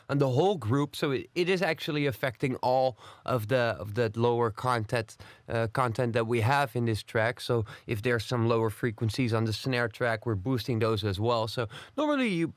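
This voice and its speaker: A man walks through an audio plugin tutorial, explaining each control in a calm, methodical order with the odd small filler. His voice sits in a middle register. The recording is dry and close, with no room sound. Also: mid-range voice, no room sound. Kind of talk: software walkthrough tutorial.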